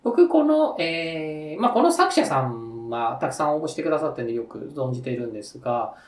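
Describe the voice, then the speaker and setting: A man's voice: on the high side, brisk, far from the mic. A man from Tokyo hosting a story contest, chatting casually with a rambling manner and many fillers. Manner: lively, rambling, frequent fillers and laughs. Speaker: host, contest judge. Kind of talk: casual podcast chat. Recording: echoey room, a bit off mic.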